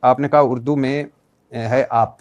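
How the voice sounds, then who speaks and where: A man's voice: mid-range voice, steady tone, a little slow, lo-fi sound. A man with a Pakistani Urdu accent, a journalist hosting an interview, pressing his guest with challenging questions and frequent interruptions. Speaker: journalist host.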